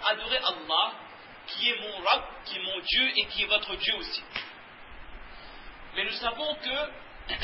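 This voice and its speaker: Man, preacher, lecture, high voice, echoey room, faint hiss. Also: highs cut off. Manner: explains slowly, quotes Arabic verses then translates. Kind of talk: religious lecture with Quran recitation.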